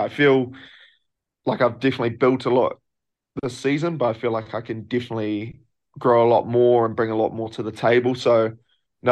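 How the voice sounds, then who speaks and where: Laid-back young New Zealand man, flat delivery. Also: mid-range voice. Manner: laid-back, loose, lots of filler phrases. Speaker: professional rugby player, guest. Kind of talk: casual interview answers.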